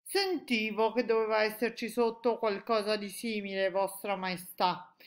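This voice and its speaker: A woman's voice: mid-range voice, measured pace, voice pushed up, natural voice. Woman doing a blustering army chief. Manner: loud, indignant, raised voice. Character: blustering middle-aged male army chief.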